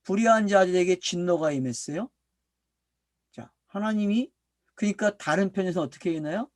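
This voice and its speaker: A man's voice: high-pitched, normal speed, no echo, clean studio sound. A middle-aged man from South Korea preaching as a pastor, asking questions and answering them himself and drawing out words for emphasis. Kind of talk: sermon, Bible teaching to a congregation.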